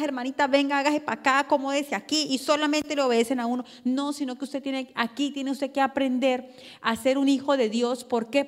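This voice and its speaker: A Colombian woman delivers a sermon with a noticeably high voice, talking to her congregation in a chatty, animated way and firing off rhetorical questions. Her Colombian Spanish accent comes through clearly. A long reverb trails after her words, as in a church hall. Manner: animated, conversational preaching with rhetorical questions and acted quotes. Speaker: preacher.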